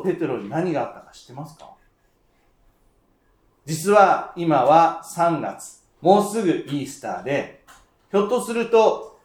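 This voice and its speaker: A man preaching a sermon to his congregation in a church, lively, slowing down when he reads scripture. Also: fairly high pitch, echoey room. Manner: animated, speaks to the congregation and slows down on scripture.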